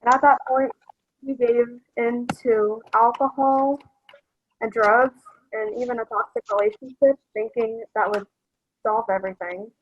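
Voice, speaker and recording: A woman on a video call telling a story at a memorial in a slow, measured way, heard through a laptop speaker. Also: a little high, steady tone, lo-fi sound, slight background noise. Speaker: family member at a memorial. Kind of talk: telling a story while folding paper.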